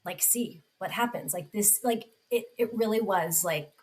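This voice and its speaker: A woman's voice: medium pitch, unhurried, a little mellow, low-quality recording. A woman in her forties, a podcast guest, telling a personal story in a heartfelt way with many restarts. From United States. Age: 40s.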